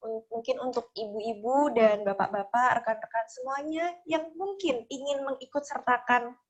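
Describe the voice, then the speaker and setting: Female webinar moderator, chatty and a bit high, video-call sound. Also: normal speed, low-quality recording. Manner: friendly, chatty, with frequent "nih" and "gitu ya" fillers.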